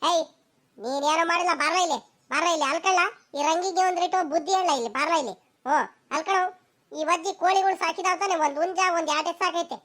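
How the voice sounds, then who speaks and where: A woman voicing a quarrelsome old village grandmother in a cartoon, who scolds in a rapid village dialect and calls people over loudly. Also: very high voice. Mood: complaining.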